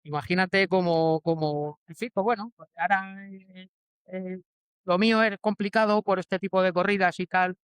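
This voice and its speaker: A Spanish man in his forties speaks as an interview guest, his voice smooth and resonant and pitched a little high. He talks hesitantly, with many restarts and fillers. The sound is close and dry. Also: fairly even intonation, normal speed, fairly bright tone, no echo. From Spain. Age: 40s. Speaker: bullfighter guest. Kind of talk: casual interview answers.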